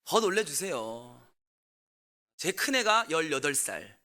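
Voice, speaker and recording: A man in his forties, a pastor telling a family story in a sermon and asking the congregation questions, with loud bursts and quiet asides. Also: a little high, slow pace. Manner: animated, swings between loud outbursts and quiet asides.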